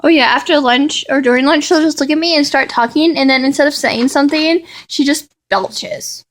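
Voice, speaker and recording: A woman's voice: high voice, fast talker. A female speaker chatting casually in a giggly, teasing way. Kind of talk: casual chat.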